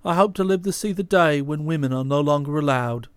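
A glum young Englishman with a hollow, mournful voice, pitched far down, as a woman reader puts him on. He speaks in halting, heavy lines, smooth and dry in tone, as in a storybook reading. He sounds jilted and gloomy throughout. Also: no echo, close to an everyday voice. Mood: aggrieved.

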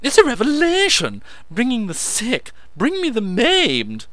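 A squeaky, shrill eccentric alchemist, bursting with manic excitement. He blathers breathlessly, his voice leaping high and loud, with a bright, sharp edge. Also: a little slow, dry recording, heavily acted.

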